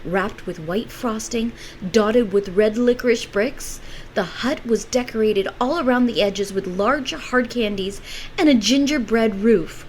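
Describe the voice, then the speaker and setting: A woman reading a children's storybook aloud with expressive, animated delivery. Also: a little high, unhurried, a little hiss or hum, rough recording.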